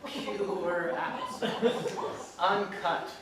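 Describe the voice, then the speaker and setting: Before a live audience in an echoey room, someone narrates scripted, comedic fairytales with theatrical flair, frequently laughing and slipping into asides. The mid-range voice draws out its words, and crowd noise and other background sound come through a distant mic.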